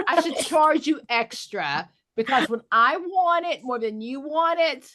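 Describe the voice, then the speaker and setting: A woman's voice: high-pitched, animated, measured pace, bright, forceful tone. Joking, sassy woman exam coach. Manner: candid, joking, sassy asides. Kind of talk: live online study group.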